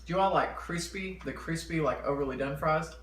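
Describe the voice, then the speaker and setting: A man's voice: on the high side, brisk. Casual male mukbang host, talks while chewing, echoey home kitchen, slight background noise. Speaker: mukbang vlogger. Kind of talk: casual eating-show chat to camera.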